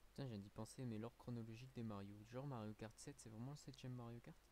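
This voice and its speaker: A French-accented man chats loosely on a live stream, trailing off into fillers and restarts. He sounds a little worn out, and his voice sits at an ordinary middle pitch. A faint hiss runs under the recording. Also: fairly even intonation, fast, warm tone. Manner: rambling, many fillers and restarts. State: a little tired. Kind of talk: casual live-stream chat.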